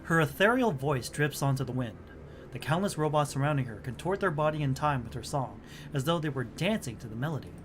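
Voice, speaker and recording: A man's voice: on the high side, expressive, a little fast, noisy background. A man reading the narration of a game story aloud on a stream. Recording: music behind the voice. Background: music.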